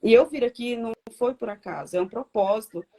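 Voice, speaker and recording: A woman's voice: on the high side, fairly quick, dark tone. A woman giving an earnest, reflective personal faith testimony as a guest on a video call.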